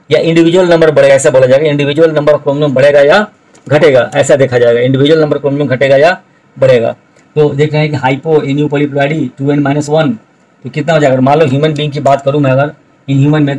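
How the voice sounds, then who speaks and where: A middle-aged male biology tutor talks through his notes in a level, even tone that barely rises or falls. He walks students through each point deliberately and repeats the key terms. His voice sits at an ordinary middle pitch. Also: poor audio. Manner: explains step by step, repeats key terms, addresses students directly. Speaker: biology teacher. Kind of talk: recorded video lecture explaining notes.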